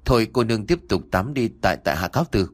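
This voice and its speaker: A man voicing a cheeky, brash young swordsman who talks roughly and defiantly in a storybook reading. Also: fairly low pitch, expressive. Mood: flustered. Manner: brash, rough-talking, quick and flustered. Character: cheeky brash young male martial hero.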